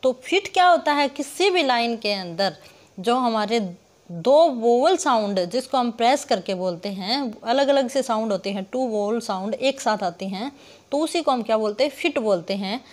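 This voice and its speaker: A woman's voice: a little high, animated, normal speed. A young woman teaching poetic meter in an online lesson, asking questions she answers herself and sounding out words syllable by syllable. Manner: rhetorical questions she answers herself, addresses viewers as guys. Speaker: literature teacher.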